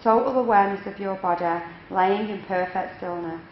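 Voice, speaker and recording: Female yoga nidra guide, medium pitch, measured and instructional delivery, recorded in a roomy, echoing space. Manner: measured, instructional, unhurried phrasing with pauses. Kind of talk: guided relaxation meditation. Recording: echoey room, dull lo-fi, faint noise.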